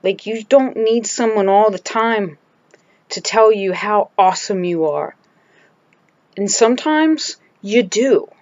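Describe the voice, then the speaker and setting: A woman's voice: mid-range voice, slow pace, darkish tone, no echo, lo-fi sound. A woman talking candidly into the camera from home in a casual video diary, emphatic and searching for words as she goes. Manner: candid and emphatic, restarts and trails off. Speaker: vlogger.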